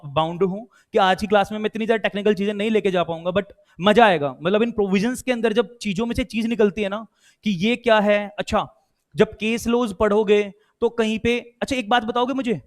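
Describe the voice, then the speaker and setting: A man with an Indian accent teaching a law class, quizzing students and mixing Hindi with English. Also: high voice. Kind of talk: online class lecture.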